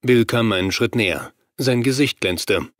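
A man narrates a horror audiobook in a steady, measured way, with a mid-range voice. He reads close to a studio microphone, and the sound is dry, with no room in it. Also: medium pitch, no room sound. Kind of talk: scripted audiobook reading.

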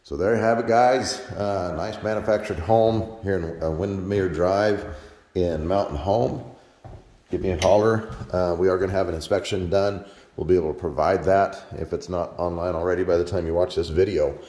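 In a low voice, a real estate agent walks through an empty house and describes it casually while holding a phone camera. The rooms echo, and his plainspoken, relaxed delivery comes with frequent pauses and fillers.

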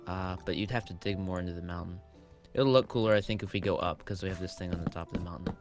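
Young male gamer host, low voice, laid-back, dry teasing. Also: quick pace, music in the background. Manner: relaxed, teasing, gives directions. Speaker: channel host, game player. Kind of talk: casual gaming chat.

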